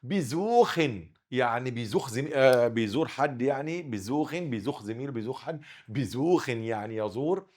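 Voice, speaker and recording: Egyptian male language teacher, rapid lesson delivery with drilled repetitions. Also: medium pitch, animated. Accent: Egyptian Arabic. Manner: drills pronunciation, repeating words with sharp stresses. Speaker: German teacher. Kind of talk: recorded classroom lesson.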